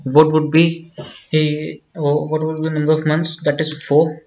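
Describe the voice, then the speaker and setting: A man with an Indian accent teaching accounts, working step by step through an exam problem and deliberately repeating phrases. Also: on the high side, completely flat delivery, a little mellow, dull audio.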